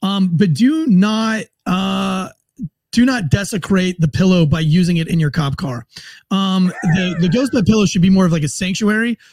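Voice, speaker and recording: A man's voice: high voice, moderate pace, a little mellow, no room sound. A man in his forties hosting a podcast, rambling and joking irreverently in casual chat. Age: 40s. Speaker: podcast host.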